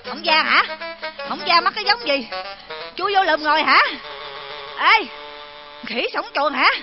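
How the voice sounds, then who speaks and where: A sharp-tongued middle-aged mother who shouts insults in a very high voice. The stage recording is dull and lo-fi, with music underneath. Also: lively intonation, measured pace. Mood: combative.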